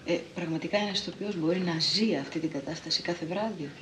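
A woman interviewer in a TV studio, asking questions and pushing her guest to answer. Her voice is on the low side, with faint hiss in the background. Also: fairly bright tone. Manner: probing, pressing for an answer. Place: television studio.

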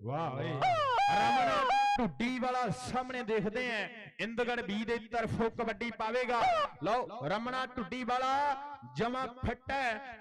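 A man with a Punjab accent giving live rural kabaddi commentary, repeating his phrases and announcements. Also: very high-pitched. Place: outdoor village sports ground. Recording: loud outdoor crowd behind commentary.

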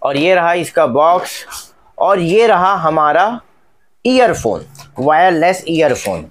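High-voiced man narrating a gadget unboxing. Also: big pitch swings, slow. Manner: chatty, repetitive, addresses viewers as friends. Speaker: tech reviewer. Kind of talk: casual product unboxing narration.

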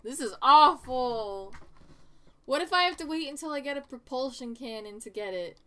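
A woman's voice: sits high, lively intonation, normal speed, bright, forceful tone. A woman streaming a game, talking to herself in casual commentary, pleading with the game and laughing at her own mistakes.

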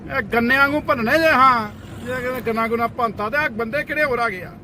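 A very high-pitched man rants loudly outside, warning strangers off his sugarcane. He barks repeated orders to clear off, half comic and half threatening. Traffic and road noise sit clearly under his voice. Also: fast talker. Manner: loud, scolding and threatening, with repeated shouted commands. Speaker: farmer guarding his sugarcane field. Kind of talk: comic outdoor rant to camera. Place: outdoors by a road near fields. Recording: noisy outdoor roadside recording.

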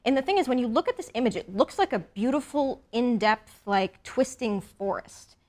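A woman's voice: a little high, expressive, moderate pace, a little mellow. A woman in her thirties on a TV studio panel who talks in a conversational way and often checks in with "right?", on a lapel mic.

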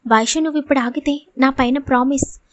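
A young man in a storybook, a protective older brother who sounds desperate and insistent, as a woman narrator reads him. The voice sits high. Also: fairly even intonation, brisk, lightly acted. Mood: urgent.

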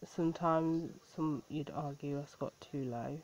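Low, slightly slow and mellow, this woman hosts video reactions, giving blunt, incredulous commentary while swearing and laughing. The audio is dull and lo-fi with faint noise.

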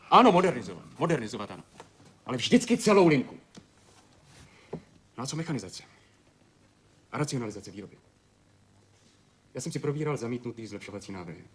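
Male factory director, 1980s TV drama, firm, lecturing, demanding, mid-pitched. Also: husky. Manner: lecturing, firm, argues with examples. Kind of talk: 1980s TV series acting.

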